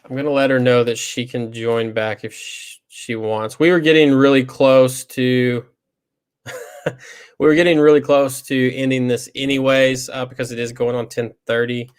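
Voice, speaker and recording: Relaxed man in his thirties hosting. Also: medium pitch, moderate pace, clear, resonant tone. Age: 30s. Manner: relaxed, rambling with many fillers. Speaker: livestream trivia host. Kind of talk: casual livestream chat. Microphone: video call.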